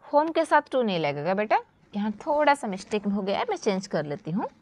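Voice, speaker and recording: Lively-voiced woman teaching grammar. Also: medium pitch. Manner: addresses students as children, slow stressed English examples. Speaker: English teacher. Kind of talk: grammar lesson.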